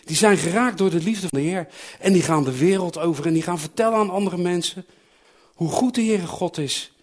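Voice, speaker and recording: A man telling a Bible story to children in an animated way, asking them questions and acting out the voices of the characters. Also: sits high, fairly quick. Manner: animated, acts out characters' voices and calls, asks the listeners questions.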